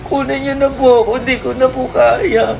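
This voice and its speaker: A woman playing a despairing adult who loudly begs the Lord in a comedy skit, wailing and overdramatic. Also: sits high, steady tone, moderate pace, gravelly, low-quality recording.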